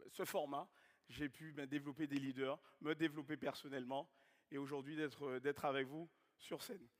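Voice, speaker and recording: Energetic man in his 30s from Guadeloupe, high-pitched, working a seminar crowd in a large echoing hall. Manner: energetic, questions and calls out to the audience. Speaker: seminar speaker. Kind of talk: motivational stage talk. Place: large hall with live audience. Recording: long hall reverb.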